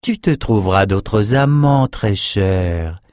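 Sardonic male sorcerer lord, read by a man, low, mocking, dry audiobook read. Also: expressive, moderate pace, no echo, natural voice. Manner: mocking, callous, amused. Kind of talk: audiobook character voice.

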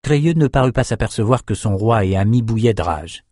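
A male narrator reading a dark fantasy novel aloud with measured storytelling. His voice sits somewhat low and comes across dry and close to the mic. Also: expressive, no echo. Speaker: audiobook narrator.

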